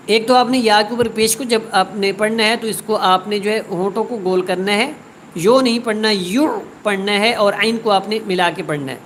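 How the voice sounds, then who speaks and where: A woman teaching a word-by-word Quran tajweed lesson. She recites each word slowly and drawn out, then explains quickly. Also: mid-range voice, a little hiss or hum, low-quality recording.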